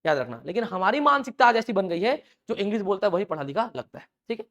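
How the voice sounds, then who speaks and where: A man's voice: sits high, very animated, quick pace, fairly bright tone. A man teaches a live class and talks easily to his students. He throws out a question, answers it himself and repeats the word so that it sticks. He mixes in homely examples and mild jokes. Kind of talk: live online class lecture.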